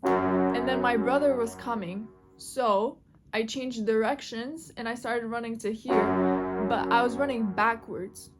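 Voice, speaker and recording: A woman telling a casual storytime while she draws, chatty and full of fillers, with casual swearing. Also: a little high. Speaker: vlogger.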